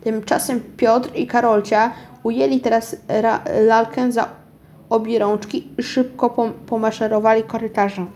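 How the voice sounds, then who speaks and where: A woman's voice: fairly high pitch, level tone, moderate pace, darkish tone, a little hiss or hum. A woman reading a children's story aloud in an unpolished way, often stumbling and restarting words. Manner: unpolished reading with frequent restarts and self-corrections.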